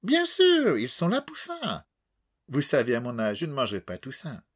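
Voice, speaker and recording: A man's voice: medium pitch, wildly swooping pitch, normal speed, pitched above the performer's own voice. Man putting on a sweet old English lady. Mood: generous. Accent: caricatured English. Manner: soft, distinguished, gushing. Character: sweet, genteel elderly British lady.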